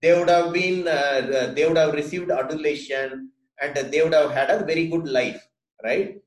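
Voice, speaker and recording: A man with an Indian English accent, making his case in a casual debate, insistent but halting, often seeking agreement. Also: on the high side, fairly even intonation. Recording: echoey room sound.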